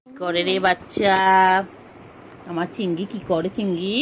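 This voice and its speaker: A woman's voice: lowish voice, steady tone, a little slow, a little hiss or hum, rough recording. A woman at home talking to her pet cat in cooing baby talk. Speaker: pet owner. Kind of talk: home video chat with a cat.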